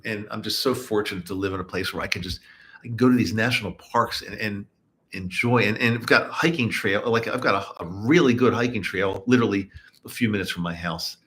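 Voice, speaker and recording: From his Utah home, a middle-aged East Coast man hosts a live podcast with a fairly low, slightly bright voice. His casual talk with listeners rambles, full of repeated words and frequent restarts.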